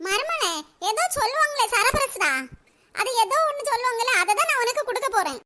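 A woman voicing an older village mother-in-law in a comedy cartoon, with a Kanyakumari Tamil accent and a shrill, squeaky voice. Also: animated, fairly quick, background noise. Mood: coaxing. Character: scheming old mother-in-law turned loving, village woman.

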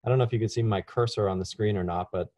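A man from Louisiana, USA, presents a casual online webinar as a university food science speaker over a video call, with frequent ums and restarts. He talks very fast in a fairly low, warm voice, and the recording is dry.

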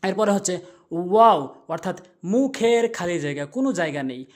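A man teaching Quran pronunciation, explaining where each letter is formed and repeating the sounds slowly to demonstrate them. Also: sits high, expressive. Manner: slow and repetitive, demonstrating each letter sound several times. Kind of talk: step-by-step pronunciation lesson.

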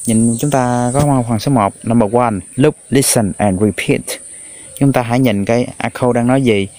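A man teaching an English lesson to children, repeating each new word slowly three times for the class to echo. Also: mid-range voice, a little mellow. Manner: drills words slowly in threes for pupils to repeat.

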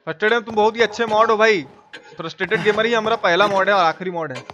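Over a muffled recording with obvious background noise, a Bihari-accented streamer from India races through slangy live gameplay commentary laced with profanity. His voice is high-pitched.

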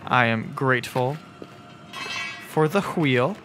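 A man playing a video game, narrating casually with self-mocking jokes, swearing and sudden excited shouting. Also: medium pitch, takes it slowly, music in the background. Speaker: gaming video host. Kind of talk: let's play commentary.

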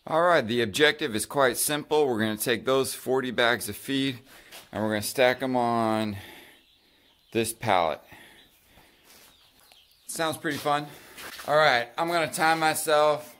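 A man casually talking through his farm chores in a vlog, chatty and relaxed, thinking aloud with fillers. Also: medium pitch, a little slow, pauses often. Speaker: farm vlogger. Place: outdoors on a farm.

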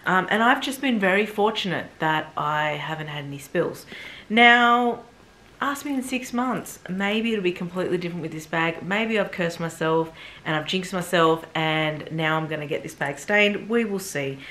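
A woman's voice: lowish voice, normal speed, fairly bright tone. A woman in her thirties chatting enthusiastically to viewers as she unboxes and reviews a bag. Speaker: fashion vlogger. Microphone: camera mic.

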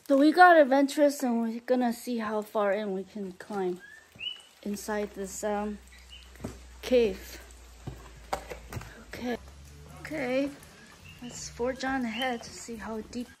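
Slow, chatty woman vlogging a cave walk. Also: a little high, background noise. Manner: chatty, hesitant, with many ums and small laughs. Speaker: travel vlogger. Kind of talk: casual travel vlog narration. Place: outdoors in a rainforest and inside a lava cave.

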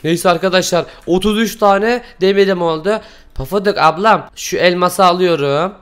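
A man with a fairly high voice narrates his gameplay for viewers. He talks excitedly and breaks into dramatic yelps and pleading whenever the game turns against him. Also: moderate pace, clean tone. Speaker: gaming video host.

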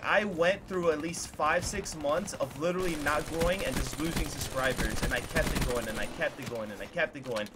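A man in his early twenties with a slightly high voice speaks earnestly from a small room at home, rambling and circling back on his points with many fillers. He talks into a desk mic. Gunfire from a video game is clearly heard behind his voice. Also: noisy background. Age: 20s. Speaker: gaming YouTuber. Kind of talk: candid talk to viewers over gameplay.

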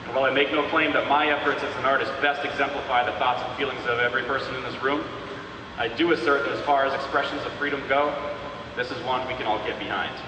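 An American man delivering a solemn, rhetorical speech to an audience in deliberate, oratorical phrases. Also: medium pitch. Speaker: public speaker, film-maker. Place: large room with an audience. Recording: echoey hall, distant mic, noisy.

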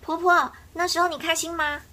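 Woman reading to a child as an earnest high-pitched little boy. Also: level tone, a little fast, pushed and bright, slight background noise. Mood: curious.

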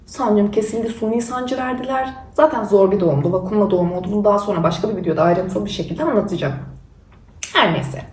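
A woman's voice: medium pitch, fast talker, a little mellow. A young woman vlogger, candid and self-mocking as she casually tells her own story. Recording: roomy sound from a distance.

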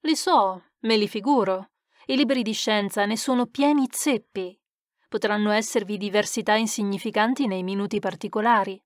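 A woman's voice: medium pitch, moderate pace, dry recording, clean studio sound, lightly acted. A woman reading the part of a skeptical male scientist who speaks in a dismissive, argumentative way. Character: man, a skeptical, brusque scientist. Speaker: audiobook reader. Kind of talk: expressive literary reading.

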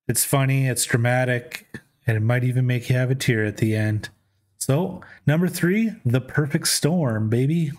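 Male host, 30s, easygoing and upbeat, talking from a gaming chair, headset mic. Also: medium pitch. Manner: upbeat, rambling, recommends films. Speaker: movie list host. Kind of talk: casual video commentary. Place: small room at a desk in a gaming chair.

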